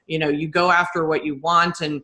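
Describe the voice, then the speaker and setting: A woman's voice: low voice, little pitch movement, fairly quick, sharp tone. A woman hosting a podcast, effusive and rambling, with many fillers and restarts. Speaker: podcast host. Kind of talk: casual podcast interview.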